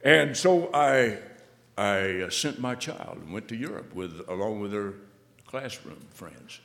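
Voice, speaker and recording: A man preaching a sermon, dropping to low murmurs and rising to fervent shouts. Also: animated, a little slow. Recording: long hall reverb.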